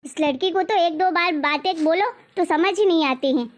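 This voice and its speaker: A woman's voice: very high-pitched, normal speed. A woman voicing a strict, nagging middle-aged mother in a cartoon story, lecturing and scolding.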